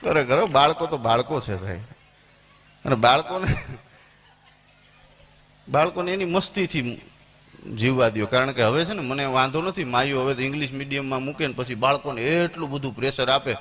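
A man, telling stand-up comedy stories to a live audience and jumping into high squeaky voices for his characters. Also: normal speed, long pauses, fairly bright tone. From Gujarat, India. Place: stage before a live audience.

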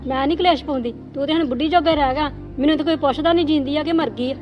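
A woman's voice: high-pitched, dull audio, over music, natural voice. Woman playing a jealous scolding mother-in-law. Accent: Punjabi. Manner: nagging, taunting, quick. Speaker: actor in family drama. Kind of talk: Punjabi village drama acting.

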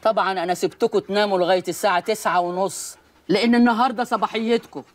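A woman's voice: mid-range voice, fairly even intonation, rapid-fire, close to an everyday voice. An actress playing a stern, commanding old grandmother in a film comedy. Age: older. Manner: commanding, scolding.

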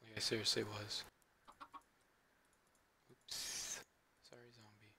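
A man's voice: fairly low pitch, level tone, slow pace. A teenage boy from Canada, rambling tiredly through casual let's play commentary as the channel host. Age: teens. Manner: rambling, chatty, tired and yawning. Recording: home mic with clear background noise.

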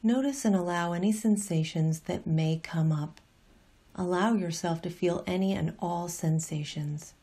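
Speaking in a husky, mellow, rather low voice, a woman guides a meditation, reading her scripted directions with calm gentleness. Her unhurried pace feels like a teacher leading the audience step by step.

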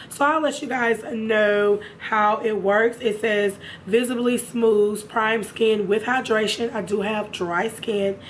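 A young beauty vlogger with a mid-range voice, raspy and hoarse from a sinus infection, chats casually about a makeup haul from a room at home. She talks straight to her viewers. There's a slight hiss or hum in the background.

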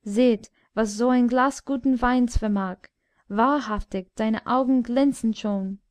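A loud, mocking tyrant king, played by a woman reading an audiobook. He bullies and jeers in a raised voice, set a little high, at a slow, deliberate pace. The sound is dry and close with no room around it. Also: no room sound. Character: cruel boisterous male king, jeering tyrant. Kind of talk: audiobook character voice.

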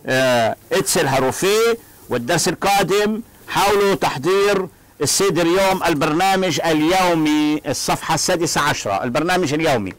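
High-voiced man teaching a language class. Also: lively intonation, no echo, rough recording. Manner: drills phrases slowly and asks the class to repeat. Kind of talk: classroom lecture.

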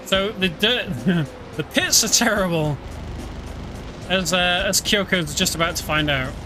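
With game music playing behind him, a British man streams a game and talks through it in a relaxed, chatty way, full of fillers. He speaks unhurriedly in a voice that sits high.

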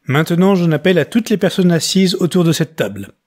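A man's voice: high voice, lively intonation, brisk, darkish tone, voice pushed up. A man voicing a middle-aged detective who appeals solemnly and insistently to a group. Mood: urgent appeal. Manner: solemn, pleading.

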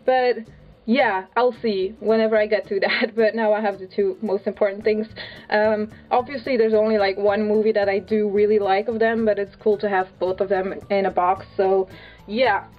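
A woman's voice: mid-range voice, fairly even intonation, moderate pace. Female vlogger, Dutch accent, informal rambling chat, mid-range voice, lo-fi handheld recording. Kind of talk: casual chat, showing a haul. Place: small bedroom, indoors. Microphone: handheld camera's built-in mic. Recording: muffled lo-fi handheld camera sound.

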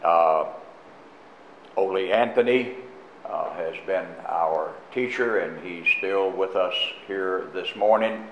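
An older man speaking as a pastor in a church, halting and full of fillers and restarts. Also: low voice, slight background noise. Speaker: pastor introducing a guest teacher. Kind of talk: unscripted church announcements and sermon. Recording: echoey, muffled live church stream.

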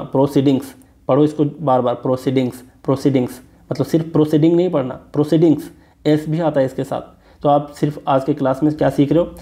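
A man's voice: mid-range voice, mellow. A man teaching an exam-prep English grammar lesson, explaining step by step and often checking with rhetorical questions. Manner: reads example sentences slowly.

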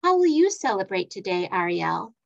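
A woman's voice: medium pitch, sing-song, moderate pace, vocal fry, dull audio, pitched below the performer's own voice. A woman doing an earnest young woman friend. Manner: earnest, questioning.

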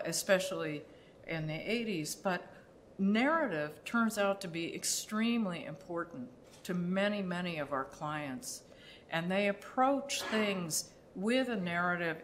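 An older woman, an architect, presenting her work in a public lecture with a reflective, halting delivery full of pauses. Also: on the low side, a little hiss or hum. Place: dim lecture hall, seated at a table on stage.

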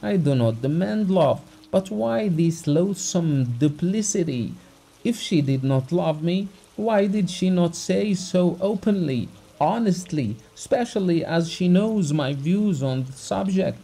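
A man's voice: on the high side, expressive, measured pace, few pauses, warm tone, breathy edge, voice pushed up, heavily acted, poor audio. A man voicing a distraught, tearful nobleman pouring out his heartbreak in an audiobook reading. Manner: raised, pleading, emotional.

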